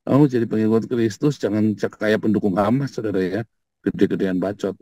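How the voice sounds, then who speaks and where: A male pastor, giving a casual sermon in blunt, colloquial speech, hammering points through repetition and swinging from quiet asides to loud outbursts. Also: on the low side, steady tone, fairly quick, no echo.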